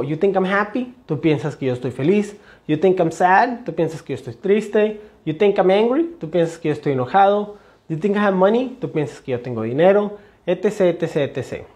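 Un hombre con acento mexicano que enseña inglés y explica fonética con ejemplos repetidos, dirigiéndose a su clase como «señores». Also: male voice, a little high, a little mellow. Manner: explanatory, repeats examples, addresses class as señores. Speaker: English teacher. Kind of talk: phonetics lesson.

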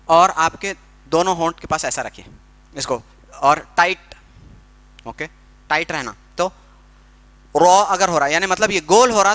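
This teacher's voice sits high, with a bright, forceful tone, as he leads a workshop on Quran recitation. He walks through pronunciation patiently, relating it to everyday things and stretching out his demonstrations slowly.

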